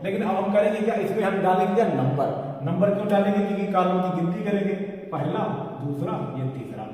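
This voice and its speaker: Echoey high-voiced male teacher. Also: animated, fast, dark tone. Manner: drawing structures while counting aloud, asking and answering his own questions. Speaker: chemistry teacher. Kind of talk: board-exam chemistry lesson. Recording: echoey room, mic far off.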